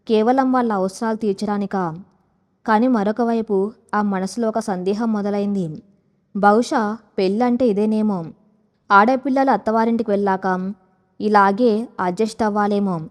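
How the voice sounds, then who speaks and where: Woman reading a heart touching story, steady and feeling, audio book vibe. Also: mid-range voice. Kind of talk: scripted audio story narration.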